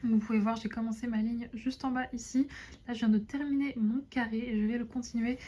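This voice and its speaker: A young woman chatting casually to her viewers from her desk at home, relaxed and full of hesitations. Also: on the high side, a little fast, dull audio, a little hiss or hum. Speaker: vlogger. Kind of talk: casual chat to camera. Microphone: phone camera.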